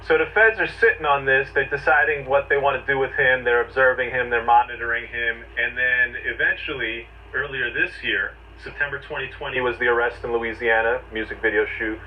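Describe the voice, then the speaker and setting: A man's voice: medium pitch, steady tone, fairly quick, few pauses. A man giving a conversational legal explainer, telling it step by step in emphatic short phrases. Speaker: legal commentator. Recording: distant, dull, noisy replayed audio.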